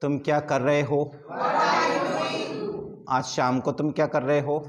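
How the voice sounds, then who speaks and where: A male English teacher, slowly drilling example sentences in a classroom lesson, switching between Hindi and English. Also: on the high side, flat delivery. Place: classroom with a board, students present.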